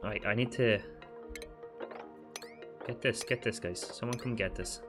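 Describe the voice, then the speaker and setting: Over music, a gaming channel host gives let's play commentary at a measured pace, frantic and swearing as he talks to himself and viewers. Panic sends his pitch jumping sharply upward.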